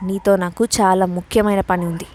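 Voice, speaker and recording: A woman's voice: mid-range voice, fairly even intonation, moderate pace, darkish tone, lightly acted. A woman reading the part of a domineering young man who mocks and threatens in curt warnings. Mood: sarcastic.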